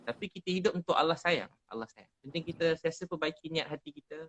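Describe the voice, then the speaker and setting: A man's voice: a little high, lively intonation, fast talker, a bit bright, muffled recording. A man with a Malaysian Malay accent speaks as a preacher in a live chat. He talks earnestly and with emotion, and he circles back to the same phrases. A faint noise sits under his voice. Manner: earnest, repetitive, emotionally emphatic. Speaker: Islamic preacher. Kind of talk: heartfelt religious advice in a live chat.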